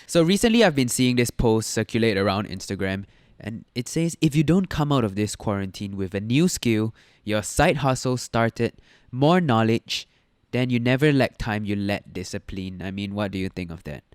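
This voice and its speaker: Casting: young man, smooth clear voice, dry close-mic podcast sound, laid-back joker. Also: lowish voice, normal speed, dry recording. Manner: relaxed, joking, drops to a mumble at line ends. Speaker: podcast co-host. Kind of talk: casual podcast chat. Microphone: studio podcast mic.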